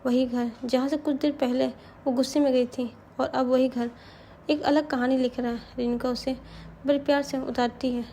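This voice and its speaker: Hindi-accented woman narrator, high and flat, mellow, faint noise behind. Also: moderate pace. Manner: hesitant, with restarts and asides. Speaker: storyteller. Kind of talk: dramatic story narration.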